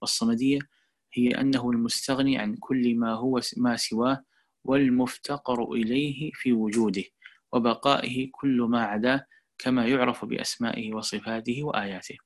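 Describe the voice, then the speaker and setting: A man giving a religious lesson to an online class, speaking quickly at a mid pitch. He explains in a measured way and repeats key words for emphasis. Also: fairly even intonation. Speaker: Quran teacher. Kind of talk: religious lecture and Q&A.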